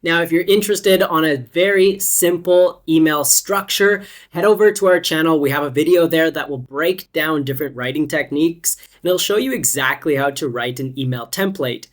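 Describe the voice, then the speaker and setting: An English test-prep teacher giving a scripted online lesson, explaining step by step with lively rises and falls. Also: mid-range voice, moderate pace, few pauses. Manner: clear, explanatory, instructive.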